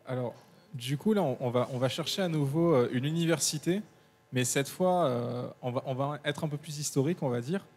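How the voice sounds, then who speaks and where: A man co-hosting a live quiz, reading questions slowly and carefully with fillers in between. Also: medium pitch, darkish tone, long reverb tail.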